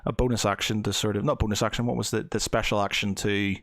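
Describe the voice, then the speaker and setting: A man's voice: on the low side, flat delivery, quick pace, fairly bright tone, dry recording, studio quality. A man running a tabletop game as game master, improvising, often hesitating and stuttering as he thinks.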